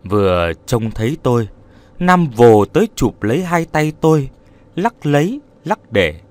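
A man narrating a ghost story in a dramatic, expressive way. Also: medium pitch, unhurried, no room sound.

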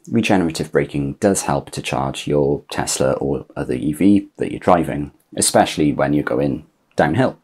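Male host, thirties, very deep husky voice, measured scripted explainer on a clip-on mic. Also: a little mellow. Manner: measured, rhetorical questions, gestures with hands. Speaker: YouTube host explaining electric cars. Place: small home office, indoors.

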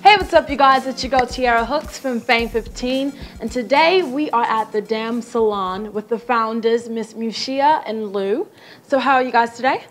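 A woman's voice: a little high, moderate pace, soft background music. Young woman hosting, bubbly, lots of "like", studio set. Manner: bubbly, says "like" a lot. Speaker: talk show host. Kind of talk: casual interview questions.

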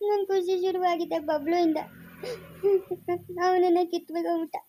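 A woman's voice: high voice, little pitch movement, a little fast, mellow, slight background noise, lightly acted. A young woman playing a grieving mother in an amateur family drama, with an emotional, pleading way of talking that repeats itself. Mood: grieving, tearful. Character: grieving young mother missing a lost child.

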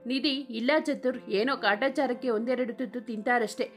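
A woman's voice: on the high side, fairly even intonation, brisk, faint music behind, close to an everyday voice. A woman reading the lines of a shy, devoted young woman in a story, speaking playfully.

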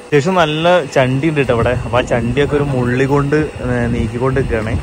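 This Kerala-born fishing vlogger, a man in his thirties with a Malayalam accent, talks very fast in a mid-range voice with fairly even intonation. Filming himself on a handheld phone camera out in paddy fields and a yard, he keeps things casual, explaining each step and frequently checking in with his viewers.

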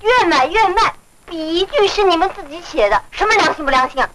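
An actress playing a haughty woman who answers with scornful, sharp retorts, in 1940s film acting. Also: very high-pitched, animated, fairly quick. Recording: very hissy old film soundtrack.

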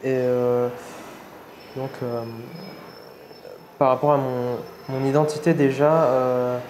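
A young man from Réunion gives a personal testimony in an interview, talking shyly and hesitantly with many pauses and restarts. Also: mid-range voice, flat delivery, darkish tone, a little hiss or hum. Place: seated indoors against a plain wall.

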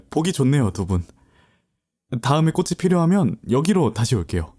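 This time the confident law student of an amateur audio drama is performed in a mid-range, sing-song voice at a slightly slow pace. The man stands up coolly and assertively to thugs, then shifts to a polite, gentle manner, keeping the mood gentle.

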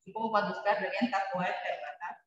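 High-voiced teacher in an echoey room. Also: male voice, steady tone, brisk, fairly bright tone, a little hiss or hum. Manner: patient, checks in with frequent tag questions. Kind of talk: classroom spelling lesson. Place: classroom. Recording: echoey classroom, far from the mic, dull.

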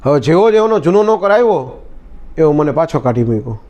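Man, storyteller, mellow tone, slightly high voice, chatty retelling. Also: very animated, fairly quick. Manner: conversational, retells dialogue with frequent "he said" fillers. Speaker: motivational storyteller and channel host. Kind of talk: casual spoken storytelling.

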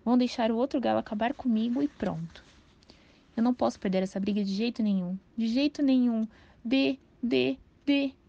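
A woman voicing a nervous, stammering male fighting rooster in a storybook reading, louder and tense. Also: fairly high pitch, steady tone, moderate pace, creaky. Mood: frantic. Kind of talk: audiobook character voice. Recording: dull, dry lo-fi recording.

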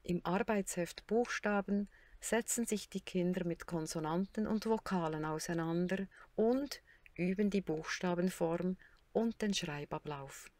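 A woman narrating a teaching tutorial in a scripted way, sounding out syllables slowly and clearly. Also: lowish voice, a little mellow, dry recording.

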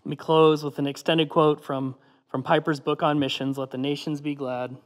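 A man preaching a sermon as pastor, measured and earnest, slowing on key phrases and letting line ends fall away softly. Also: on the high side, flat delivery, in a large hall. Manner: closes with a prayer.

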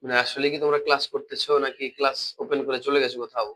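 A man with a medium-pitched, fairly bright voice and little pitch movement talks very fast on a rough recording. He has a Bangladeshi Bengali accent and a cold, and he is giving a live online logic class, patient and repetitive, quizzing students as he works.

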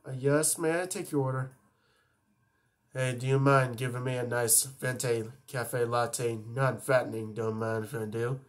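A man voicing a laid-back male cowboy from a video game with a slow drawl. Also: medium pitch, steady tone, close to an everyday voice.

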